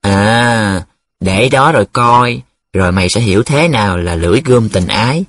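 A man's voice: mid-range voice, brisk, a little hiss or hum, lightly acted. A man doing a cocky teasing student lad. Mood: boastful. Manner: teasing, sing-song and excitable. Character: cocky teasing young male student, boastful joker.

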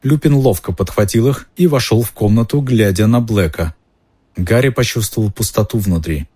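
Reader a man narrating a novel, low dark husky voice, steady delivery. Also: moderate pace. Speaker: audiobook reader. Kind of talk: reading a novel aloud.

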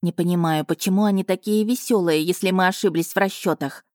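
A woman's voice: on the low side, a little fast, darkish tone, no room sound, clean studio sound, lightly acted. A woman voicing an anxious, timid young heroine in an audiobook, speaking hesitantly.

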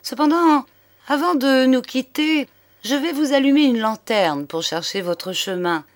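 A woman's voice: sits high, a little slow, dry recording, voice pushed up. A woman reading the part of a smug male police chief who talks down to an old man. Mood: smug, teasing. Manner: mocking, condescending.

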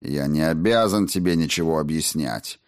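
A man voicing a gruff, evasive middle-aged father who answers in curt, grumbling tones in an audiobook. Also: extremely low pitch, normal speed, pitched below the performer's own voice.

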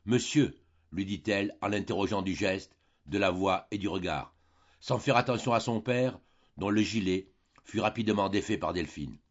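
A man reads a classic novel aloud in a measured, dramatic way, his low voice carrying a husky edge. The recording is dull and lo-fi, without much brightness. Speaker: audiobook reader. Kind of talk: audiobook narration of a classic novel.

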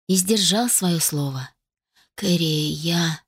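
A woman reading an audiobook voices a hot-tempered young man, speaking low and restrained. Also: takes it slowly, slightly rough, dry recording, clean studio sound, full character voice. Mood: soft.

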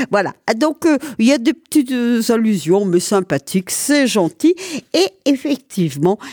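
A woman radio host chats casually on air in a relaxed, mellow voice. She wanders through her points with frequent hesitations and light laughs. The sound is dry and close to the mic. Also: fairly low pitch, no room sound. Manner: chatty, full of hesitations and little laughs. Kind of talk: casual radio chat presenting a book.

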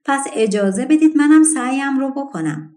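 A woman's voice: sits high, animated, warm tone, voice pushed up. A woman voicing an earnest young girl who pleads insistently in a storybook reading. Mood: earnest, pleading.

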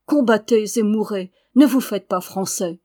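A woman's voice: mid-range voice, steady tone, measured pace, mellow, lightly acted. A woman reading the part of a dying old Breton lord who declaims a rousing prophecy in an audiobook. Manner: impassioned, rising declamation.

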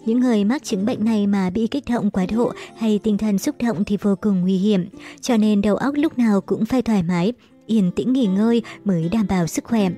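A careful, grave old village physician, read by a woman. His words come measured in a mellow voice, and faint music plays behind the storybook reading. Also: mid-range voice, lightly acted. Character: cautious older male village physician.

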